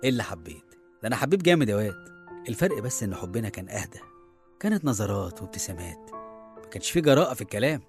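A man's voice: on the low side, big pitch swings, very fast, darkish tone. An actor with an Egyptian accent playing a harried, well-meaning middle-aged father in a radio serial, conversational and often hesitant. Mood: fatherly, firm. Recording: music behind the voice.

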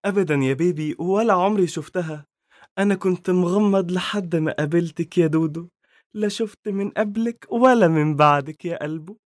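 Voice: medium pitch, brisk, no room sound, studio quality, lightly acted. A performer voicing a lovesick young man who speaks with an Egyptian Arabic accent in an overly romantic, sugary way. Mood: sweet-talking.

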